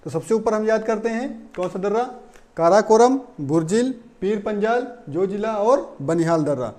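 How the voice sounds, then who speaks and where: A man's voice: high-pitched, a little mellow. A man teaching an exam-prep geography lesson, pointing at a map and repeating lists for memorizing. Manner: repeats lists for memorizing, frequent "theek hai".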